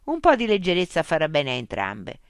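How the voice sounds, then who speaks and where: A woman's voice: low voice, wildly swooping pitch, fairly quick, clear, resonant tone, dry recording, studio quality, exaggerated voice. A woman voicing a forthright, confident woman scientist.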